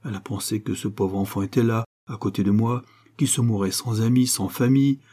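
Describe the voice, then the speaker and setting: A man's voice: on the low side, a little fast, mellow, breathy edge. A man reading aloud, voicing an earnest young woman who tells a story at length and is easily flustered.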